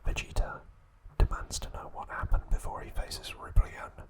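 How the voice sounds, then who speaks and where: Acting as host of an ASMR recap, a man speaks in a breathy, soft whisper. He narrates gently, pausing and halting as he goes.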